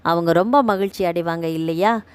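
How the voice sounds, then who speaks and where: Woman doing a gentle, kindly retired man. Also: lowish voice, moderate pace, smooth, no room sound, close to an everyday voice. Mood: tender. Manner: warm, gentle, reassuring. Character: kindly retired man, gentle and reassuring, runs a care home.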